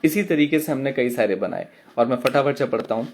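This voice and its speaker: A man teaching a poetry workshop, chanting syllables and beat counts in a drawn-out way. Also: mid-range voice, lively intonation. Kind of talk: online lesson.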